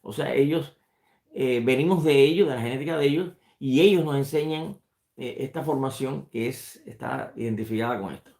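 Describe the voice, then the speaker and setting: A rabbi teaching a study class gives an unscripted religious lesson, often halting to repeat a word while he searches for the next. His medium-pitched voice is gravelly and a little mellow, heard in an echoey room.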